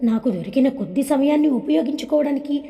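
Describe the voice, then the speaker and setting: A woman's voice: sits high, animated, fast, mellow. Tender lovesick young man, read by a woman. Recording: long hall reverb.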